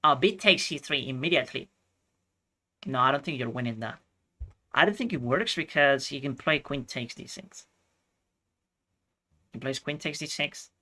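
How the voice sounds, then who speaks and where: Chilean guy streaming chess, talks thru every move to chat, bright tense voice. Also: mid-range voice, lively intonation, normal speed, pauses often. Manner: thinks aloud, calculating moves and chatting with viewers. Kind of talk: live-stream commentary.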